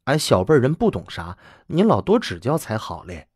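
A man voicing a timid, deferential young bride of nineteen, speaking softly and humbly. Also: medium pitch, huge pitch swings, moderate pace, slightly rough, no echo, clean studio sound. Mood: humble. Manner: soft, humble, eager to please.

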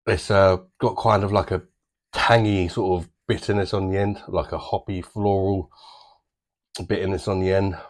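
A man's voice: low-pitched, steady tone, normal speed. A man in his thirties with a British accent, casually reviewing a beer to camera from a small home bar, chatty and easygoing with plenty of fillers. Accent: British English.

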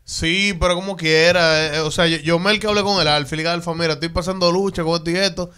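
A Dominican man hosting a radio show. His voice is high and smooth, and he speaks fast, often repeating words as he starts his sentences. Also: steady tone, sharp tone. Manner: fast, stammering restarts. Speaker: radio host. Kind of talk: lively studio chat. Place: radio studio. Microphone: studio mic on boom arm.

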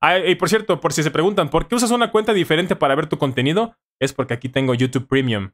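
Speaking fast in a fairly bright, higher-pitched voice, a Mexican-accented man in his thirties tutors languages on a casual live stream. He answers viewers informally and repeats phrases for emphasis, sitting close to a boom-mounted studio mic in a small home studio room.

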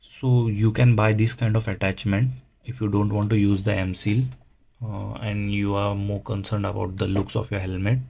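A man giving a casual, unhurried how-to narration, explaining things plainly step by step. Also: fairly low pitch, flat delivery, vocal fry, a little mellow. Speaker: motovlogger, presenter.

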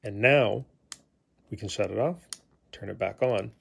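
This man's voice is fairly low and a bit creaky, and he speaks somewhat slowly against a noisy background. He's a hobbyist showing off a gadget indoors in his living room, rambling and hesitating through an unscripted, casual tutorial.

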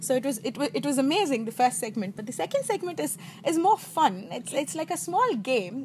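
A woman's voice: sits high, very animated, quick pace, darkish tone, a little hiss or hum. A young woman with a South Indian accent hosting a casual interview, sometimes slipping into Tamil. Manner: mixes Tamil into English, repeats words while phrasing. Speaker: interviewer and host. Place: outdoor garden seating.

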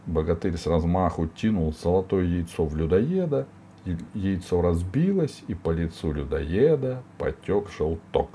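A man narrating a children's storybook in a deliberate, animated way. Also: sits low, slight background noise. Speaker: audiobook narrator.

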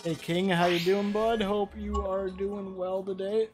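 A man talking through a voice changer that morphs his voice, greeting in a slow, casual way. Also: flat delivery, music in the background. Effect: pitch-shifting voice changer. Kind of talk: casual gaming chat.

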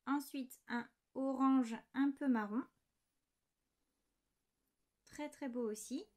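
A woman's voice: sits high, slow pace, darkish tone. Chatty woman showing knitting supplies. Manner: chatty, apologetic, fond of small details. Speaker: knitting podcast host. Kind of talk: casual show-and-tell chat. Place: home desk, indoors.

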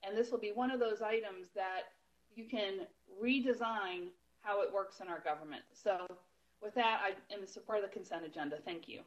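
A woman on a city council giving steady, explanatory remarks at a meeting, pointed about bureaucracy. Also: medium pitch, moderate pace, highs cut off.

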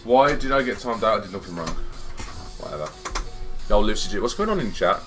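Excitable, swearing gaming streamer. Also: male voice, fairly low pitch, brisk, soft background music. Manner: excitable, swears freely, banters with chat. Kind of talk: casual live-stream gaming chat. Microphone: headset.

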